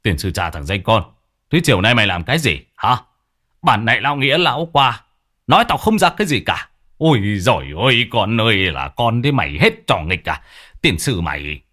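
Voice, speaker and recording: A man's voice: lowish voice, very animated, moderate pace, bright, forceful tone, heavily acted. A man voicing a hot-tempered middle-aged village father who scolds and curses his son. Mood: furious. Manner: scolding, cursing.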